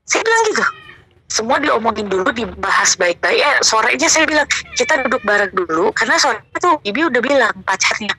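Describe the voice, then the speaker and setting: A woman's voice: a little high, expressive, a little fast, sharp tone, rough recording. A woman being interviewed, talking emphatically and acting out the calls she retells. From Indonesia. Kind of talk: heated casual interview. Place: studio.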